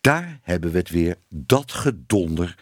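Guy doing a grumbly sighing writer, lower voice, storybook. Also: very animated, measured pace, dry recording, clean studio sound, full character voice. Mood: weary. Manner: weary, sighing. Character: anxious, grumbling young writer.

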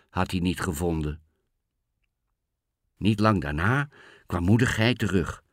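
A man reading a children's fairy tale aloud as a storyteller, expressive and playful. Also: fairly low pitch, gravelly, no room sound, studio quality. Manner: expressive, lively read-aloud.

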